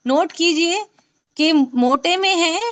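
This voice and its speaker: A woman with a high, light voice leads an online recitation class over a video call. She explains each point patiently and repeats sounds again and again so her students can drill them. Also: slow pace, fairly bright tone. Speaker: Quran recitation teacher.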